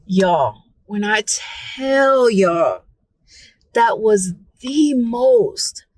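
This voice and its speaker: Young woman, casual storyteller. Lively pitch, unhurried delivery, dry close sound. Profane and animated, acting out every quote. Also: no room sound, poor audio. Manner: animated, profane, acts out quotes with gasps and whispers. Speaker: storytime vlogger. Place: Florida.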